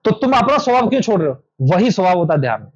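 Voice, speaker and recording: Speaking fast and very animatedly, with a high voice and a breathy edge, a man teaches meditation to a small group in an indoor meetup room. He addresses them directly and repeats his points, and the audio is dull with no echo.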